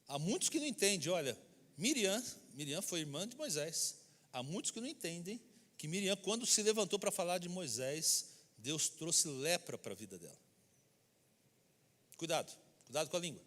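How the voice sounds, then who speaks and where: A man's voice: on the high side, expressive, normal speed, a bit bright. A man with a Brazilian Portuguese accent preaching a sermon as pastor in a church, emphatic and acting out the people he quotes. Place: church sanctuary. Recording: long reverb of a church hall.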